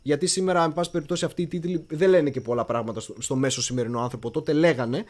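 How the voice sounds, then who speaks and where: A man's voice: fairly high pitch, a little mellow. Chatty man hosting a history livestream. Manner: chatty, digressive, often pauses to search for words. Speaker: history channel host. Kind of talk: casual livestream commentary.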